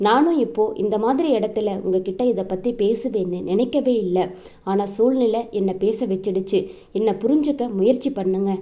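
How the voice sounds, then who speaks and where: A woman's voice: mid-range voice, moderate pace, warm tone, close to an everyday voice. A woman reading the lines of a young woman in a story who earnestly pleads her love. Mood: pleading.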